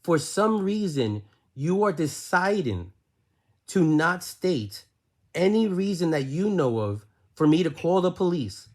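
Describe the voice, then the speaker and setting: Calling his aunt, a man argues heatedly in a fairly high, sing-song voice without rushing. He keeps repeating himself and firing off one question after another.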